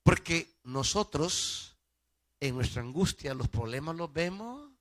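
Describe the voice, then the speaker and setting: A Salvadoran pastor preaching a sermon in an emphatic style, swinging from loud peaks to soft, low drops. His voice sits high and sounds bright and clear, and he takes his words slowly. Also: expressive. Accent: Salvadoran Spanish.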